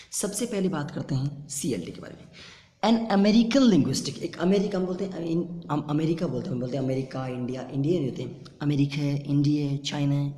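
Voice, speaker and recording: A man's voice: on the high side, a little mellow. Echoey Hindi-speaking male lecturer. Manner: drills pronunciation, repeats terms slowly. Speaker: teacher. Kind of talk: online exam-prep lecture. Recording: echoey room with long reverb.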